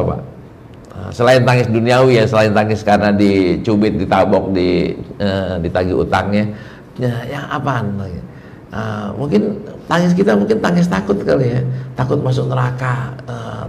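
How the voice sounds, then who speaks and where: A man's voice: medium pitch, creaky, slight background noise. A man giving a casual religious study sermon, joking and quizzing his audience in a chatty way. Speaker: Islamic preacher.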